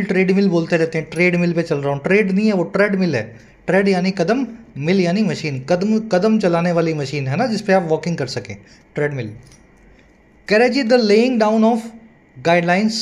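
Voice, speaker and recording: A man tutoring English, reading newspaper lines slowly and explaining them at length, often asking his students rhetorical questions. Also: high voice.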